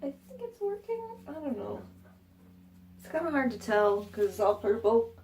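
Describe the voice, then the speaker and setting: A woman with a somewhat high voice and big swings in pitch speaks at a normal speed on a low-quality recording. She's vlogging an informal how-to in her home bathroom, chatty and meandering, full of fillers and jokes at her own expense, a bit stuffed up.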